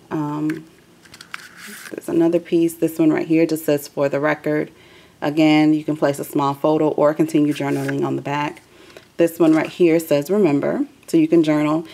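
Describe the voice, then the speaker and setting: A woman with a low-pitched, dark voice hosts a casual craft video. She chats loosely at a table, dropping plenty of ums as she shows off her work.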